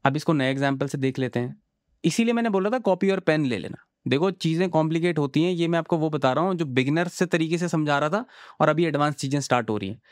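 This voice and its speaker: A man's voice: a little high, quick pace, dry recording, studio quality. A man teaching chart in a casual, chatty way, often checking that the viewer follows and telling them not to worry. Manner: chatty, reassuring, asks the viewer "samjhe?". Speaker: trading teacher. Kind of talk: casual screen-share chart tutorial.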